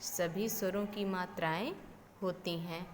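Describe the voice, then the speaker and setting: A woman's voice: on the low side, steady tone, a little slow. A woman teaching young children a Hindi lesson, repeating each phrase and spelling words out letter by letter, dropping in English words like "okay". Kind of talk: slow primary-school Hindi lesson. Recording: reverberant room with faint background noise.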